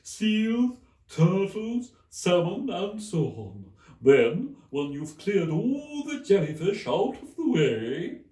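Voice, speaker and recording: Slow, high, mournful turtle creature. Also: male voice, very animated, warm tone, exaggerated voice. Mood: excited. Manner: slow, drawn-out, emphatic delivery. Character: mournful, sobbing turtle creature, nostalgic and excitable. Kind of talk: theatrical storybook character reading. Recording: roomy echo, distant microphone.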